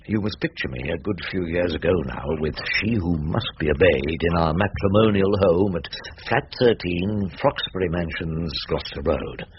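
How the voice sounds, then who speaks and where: An older Englishman with a low voice close to his everyday one acts an elderly, garrulous barrister in a radio drama, speaking at a moderate pace with few pauses. Narrating wryly in the first person, he rambles theatrically with dry irony, quoting poetry irreverently. The recording sounds dull and noisy.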